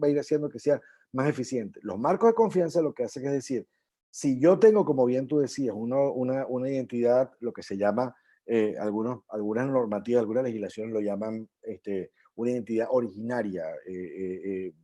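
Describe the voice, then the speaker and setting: Dark-voiced Venezuelan-born man explaining. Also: medium pitch. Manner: explanatory, many restarts and fillers. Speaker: panelist. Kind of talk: online panel discussion.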